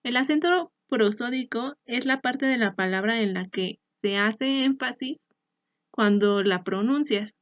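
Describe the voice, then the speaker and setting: A woman teacher explaining a lesson in a clear, measured way, sometimes restarting a phrase. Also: a little high, dry recording. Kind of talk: recorded online lesson. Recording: dry, slightly muffled recording.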